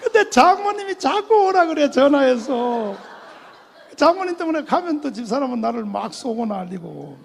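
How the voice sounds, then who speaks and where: Older guy pastor telling his testimony, high raspy voice, lots of hall echo, acts out the voices. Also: normal speed, slight background noise. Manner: animated storytelling, acting out quoted voices, laughing often. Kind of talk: testimony sermon. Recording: long hall reverb.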